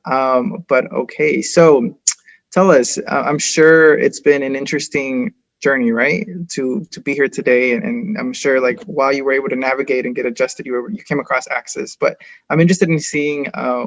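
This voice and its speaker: Gravelly man co-hosting. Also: mid-range voice, steady tone, fairly quick, muffled recording. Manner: upbeat, rambling questions with restarts. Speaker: co-host. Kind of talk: casual interview hosting.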